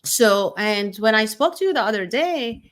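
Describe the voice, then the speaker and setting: A woman's voice: on the high side, lively intonation, normal speed, fairly bright tone. A woman hosting a podcast, upbeat and chatty, laughing easily with her guest. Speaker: podcast host. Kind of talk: casual interview conversation.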